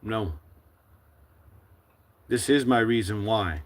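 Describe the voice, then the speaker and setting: A middle-aged man from the United States speaking to his livestream viewers in a forceful, defiant, preachy monologue. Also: fairly low pitch, slow pace. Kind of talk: impassioned live-stream monologue.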